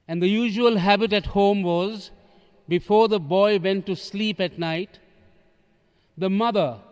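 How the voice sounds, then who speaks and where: A man, a priest reading the gospel and preaching in a measured, solemn way, his voice echoing through a large basilica. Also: sits high, a little mellow, smooth. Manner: slow, measured, solemn delivery. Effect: cathedral echo. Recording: long reverb from the church hall.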